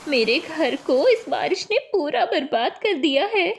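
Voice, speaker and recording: A woman's voice: sits high, sing-song, unhurried, a little hiss or hum, full character voice. Woman doing an anxious, pleading poor mother. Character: poor young mother, desperate and distressed.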